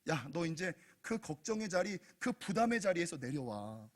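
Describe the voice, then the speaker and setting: A man preaching and voicing Jesus as a gentle, reassuring man calling someone down from a tree. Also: on the high side, sing-song, normal speed, pitched below the performer's own voice. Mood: tender.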